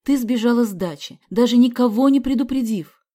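A woman's voice: on the high side, expressive, moderate pace, warm tone, pitched above the performer's own voice. A woman voicing a serious, concerned father who questions his daughter. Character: serious concerned father, middle-aged man.

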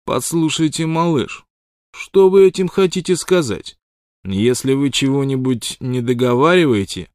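A man's voice: medium pitch, animated, a little mellow, dry recording, clean studio sound, voice pushed up, close to an everyday voice. A man reading an audiobook, voicing a hot-tempered, lovesick rich male miner who blusters and pleads. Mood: angry. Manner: blustering, pleading, quick to rage. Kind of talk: audiobook character voice.

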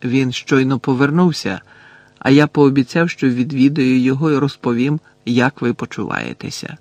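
A man's voice: medium pitch, normal speed, a little mellow, dry recording, natural voice. A man reading an audiobook, voicing a reserved teenage schoolboy who gives short, subdued replies. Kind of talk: audiobook character voice.

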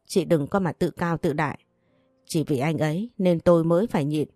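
A woman voicing a spoiled, sharp-tongued young sister-in-law in an audio story, mocking and boastful. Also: sits low, moderate pace, no room sound, studio quality, faint music behind. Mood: scornful.

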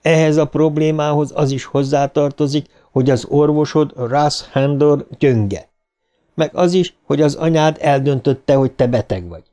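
A man reading a smug, quietly threatening middle-aged pharmacist in an audiobook, calm and self-satisfied. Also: on the high side, natural voice.

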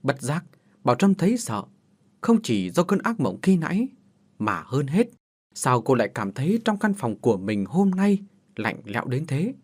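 A man's voice: mid-range voice, big pitch swings, normal speed, a little mellow. Man narrating a suspenseful horror story. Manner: dramatic, suspenseful. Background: faint music.

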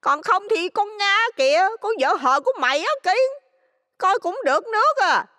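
Woman doing a shrill loan-shark dame. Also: lively intonation, moderate pace, bright, forceful tone, no room sound, clean studio sound, in a large hall, exaggerated voice. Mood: mocking. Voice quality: shrill, piercing. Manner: scolding, mocking, abrupt pitch swings. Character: shrill greedy middle-aged female village loan shark.

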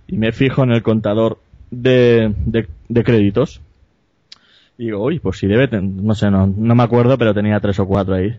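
Hombre español contando anécdotas con gracia. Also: male voice, mid-range voice, darkish tone, no room sound. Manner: rambling, self-correcting, jokey and crude. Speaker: podcast host telling an anecdote. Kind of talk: casual storytelling chat. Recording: dull, dry lo-fi podcast audio.

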